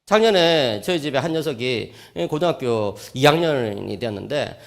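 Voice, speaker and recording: A middle-aged man giving a sermon as a professor at a church camp, animated, often prodding listeners with quick questions and joking with the audience. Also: medium pitch, creaky. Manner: jokes with the audience.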